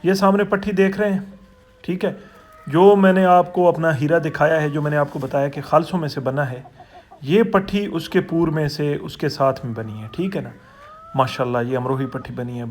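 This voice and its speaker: Higher-voiced man, chatty breeder tutorial. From Pakistan. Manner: explanatory, repeats "theek hai" to check in with viewers; friendly, addresses viewers as friends and fellow hobbyists. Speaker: poultry breeder and channel host. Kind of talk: casual instructional video.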